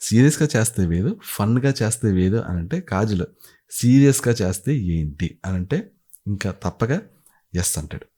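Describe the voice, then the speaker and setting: A man's voice: on the low side, animated, normal speed, dark tone, slightly rough. A man giving a casual commentary review, retelling scenes animatedly and acting out the quotes. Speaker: show reviewer.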